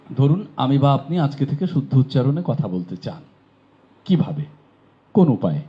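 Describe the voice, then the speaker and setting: A man's voice: medium pitch, sing-song, moderate pace. A man from Bangladesh teaching pronunciation in a classroom lecture, explaining patiently and asking rhetorical questions. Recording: dull lo-fi recording.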